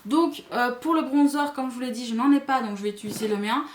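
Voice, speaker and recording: Talking fast in a rather high voice, a woman with a Belgian or Swiss French accent chats through a makeup review for her vlog. The echoey room carries slight background noise, and she keeps making asides to her audience.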